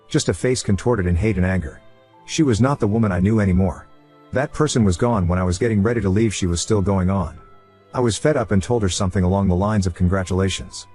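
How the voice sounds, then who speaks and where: A man reads online stories aloud at a quick clip, keeping a brisk, steady storytelling pace. His voice sits a little low and has a husky edge. Soft music plays faintly behind him. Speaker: narrator.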